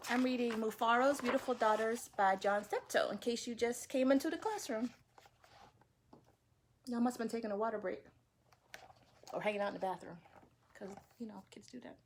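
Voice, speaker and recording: A woman's voice: a little high, normal speed, long pauses, slight background noise. A woman teacher reading a picture book aloud to children, with chatty, playful asides. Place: home.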